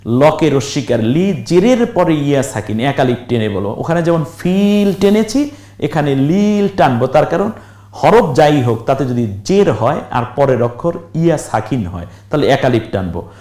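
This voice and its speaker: A male Quran reading teacher, in a recorded lesson, slowly drills words syllable by syllable, spelling and chanting them while questioning viewers. His voice is on the high side and mellow, with big pitch swings. The room is echoey.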